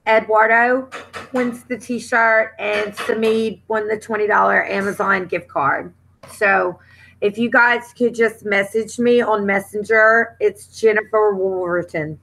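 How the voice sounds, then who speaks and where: A woman hosting a casual group video stream, chatting relaxed and thanking her viewers. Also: mid-range voice, unhurried, gravelly, slight background noise, low-quality recording. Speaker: stream host.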